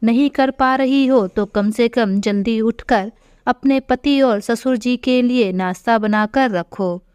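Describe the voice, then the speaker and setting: Spoiled whiny daughter, read by a woman, resentful, slow, higher pitch, dull lo-fi sound. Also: a little mellow, clean tone, no echo. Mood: complaining. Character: spoiled, complaining young married daughter. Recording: dull lo-fi recording.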